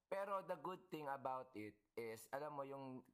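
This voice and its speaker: Male co-host, upbeat and reflective, mid pitch, casual chat. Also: animated, moderate pace, clear, resonant tone. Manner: upbeat, reflective, mixes English in freely. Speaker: podcast co-host.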